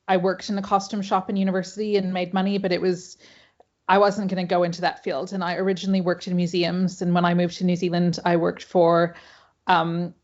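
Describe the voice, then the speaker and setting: A woman with an American accent, a pattern maker and historian, talking chattily with many fillers on an online panel. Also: medium pitch. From Hawaii, United States. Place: home, late at night in New Zealand. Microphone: video call. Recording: dull lo-fi video call audio.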